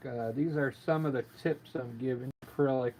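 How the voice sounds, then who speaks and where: A man giving a casual live painting lesson as a gentle, informal instructor with a gravelly voice, talking while he works. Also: mid-range voice, normal speed, low-quality recording. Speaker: painting instructor, livestream artist. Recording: noticeable background noise, live stream.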